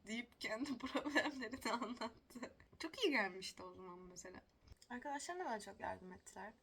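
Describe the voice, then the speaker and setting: A woman's voice: fairly high pitch, a little fast, pushed and bright. A young woman telling stories casually to the camera, chatty and self-mocking, laughing often. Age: young adult. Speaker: vlogger.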